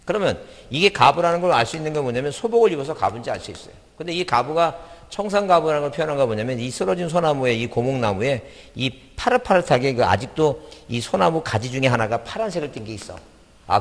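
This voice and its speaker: A man's voice: mid-range voice, animated, quick pace, in a large hall. A middle-aged man giving an exam-prep lecture, repeating points and quizzing his listeners with questions.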